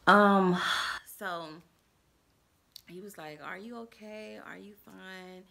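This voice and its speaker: A stuffy, under-the-weather woman tells her viewers a personal story, rambling casually with plenty of fillers and asides. Her mid-range voice is creaky, pushed and bright, steady in tone and slow. She acts out what people said, raising her voice for the quoted dialogue.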